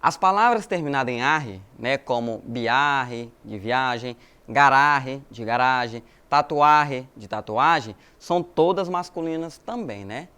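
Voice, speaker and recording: A man's voice: medium pitch, lively intonation, unhurried, bright, forceful tone, clean tone. A Brazilian man teaching a recorded language lesson, explaining patiently and checking in with his students with friendly little tag questions. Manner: explanatory, addresses students as galerinha, frequent né tags. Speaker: Spanish teacher.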